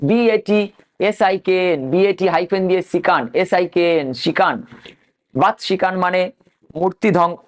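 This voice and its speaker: Preparing his class for an exam, a high-voiced man teaching history spells out names one letter at a time and asks himself questions before answering them.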